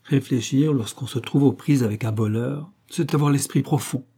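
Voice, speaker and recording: A man's voice: medium pitch, normal speed, dark tone, breathy edge, voice pushed up. A man reading a cool, skeptical old-regime duke.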